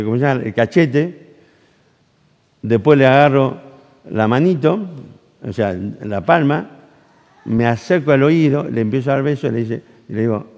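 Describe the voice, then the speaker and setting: Argentine pastor in a reverberant hall. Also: male voice, mid-range voice, gravelly. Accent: Argentine Rioplatense Spanish. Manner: animated storytelling, acts out dialogue, asks the audience questions. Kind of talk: sermon with personal anecdote. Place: church camp hall.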